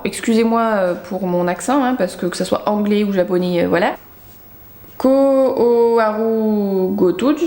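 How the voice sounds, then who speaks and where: A woman's voice: on the high side, darkish tone. A young woman chatting casually about the books she bought, talkative and self-mocking with lots of fillers. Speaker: book vlogger. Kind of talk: casual book haul chat. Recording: echoey room.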